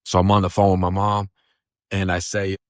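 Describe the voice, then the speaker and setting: A man's voice: sits low, level tone, moderate pace, no room sound, clean studio sound. A man from Florida casually telling his own story in blunt, profane street slang, often saying "bro" and "man". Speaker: storyteller recounting his past. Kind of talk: casual first-person storytelling.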